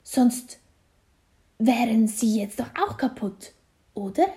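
A woman voicing an overprotective mother in a children's story, shrill and anxious. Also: expressive, takes it slowly, warm tone. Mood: shrill worry.

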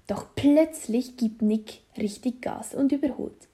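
A woman reading a children's story aloud, slow and deliberate. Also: high-pitched, mellow.

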